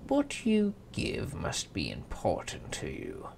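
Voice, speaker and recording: A man's voice: mid-range voice, huge pitch swings, slow, creaky, darkish tone, slight background noise, exaggerated voice. A man voicing a sly, snappish little imp who bargains.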